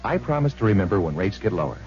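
A man's voice: low voice, sing-song, racing, darkish tone, soft background music. An actor playing a formal, patient man administering a pledge in a radio ad skit. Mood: solemn. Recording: dull old radio broadcast.

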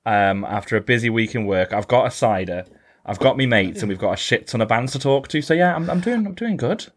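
A man's voice: mid-range voice, expressive, brisk. A man chatting casually as a podcast co-host, with self-mocking banter.

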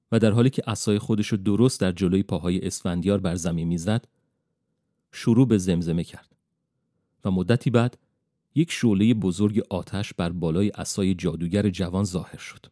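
Male audiobook narrator, very low voice, mellow tone, dry close studio sound, calm measured storytelling. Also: dry recording. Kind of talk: scripted first-person storybook narration.

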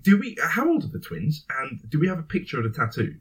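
A man's voice: on the high side, wildly swooping pitch, quick pace. A man co-hosting a podcast in casual chat, thinking aloud as he talks. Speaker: podcast co-host.

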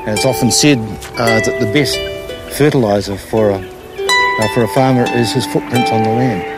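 Loud music plays beneath this organic gardener as he talks at normal speed in a medium-pitched voice. Demonstrating hands-on gardening to camera in a documentary, he explains informally, earnestly and plainly, repeating words for emphasis.

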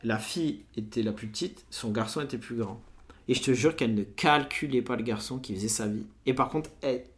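Guy in his 30s, banlieue n street slang, talks really fast, tells stories acting out who said what. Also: medium pitch. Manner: French suburb street slang; animated retelling with quoted dialogue. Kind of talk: casual anecdotal storytelling.

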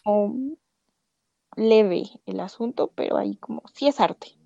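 A woman's voice: mid-range voice, a little slow, creaky, dark tone, dry recording, highs cut off. A woman co-hosting a casual podcast chat, correcting herself as she goes. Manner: chatty, self-correcting. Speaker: podcast co-host.

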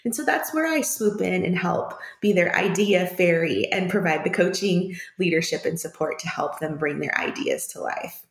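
A woman's voice: on the low side, normal speed, few pauses, reverberant. A woman guest on a podcast, a business coach introducing herself in an upbeat, friendly way. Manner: warm and upbeat, self-introducing. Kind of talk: casual interview talk.

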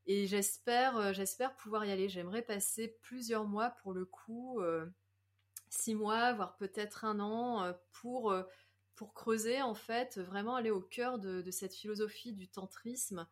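A woman's voice: mid-range voice, measured pace. A woman who teaches yoga, a guest on a podcast, speaking reflectively and hesitantly, with frequent laughs. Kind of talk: podcast interview.

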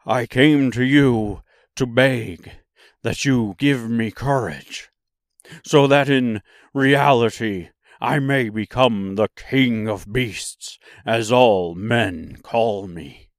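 A man voicing an earnest, pleading cowardly lion with loud, emphatic delivery in a storybook reading. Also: mid-range voice, no room sound, clean studio sound, close to an everyday voice. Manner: loud, emphatic, slow declarations.

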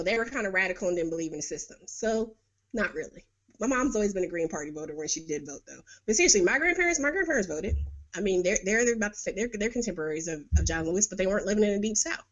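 A middle-aged woman from New York hosting a podcast, giving blunt, sarcastic political commentary with frequent laughs. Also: on the high side. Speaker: podcast host. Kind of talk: casual political commentary monologue.

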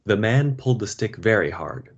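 Slow, husky male story reader. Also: lowish voice. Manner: slow expressive reading. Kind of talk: reading a story in translation for learners. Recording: dull lo-fi podcast audio.

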